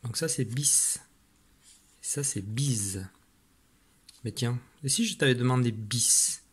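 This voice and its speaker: A man teaching a spelling lesson, slowly sounding out syllables with patient guidance to a child at home. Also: medium pitch, husky. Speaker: primary school teacher.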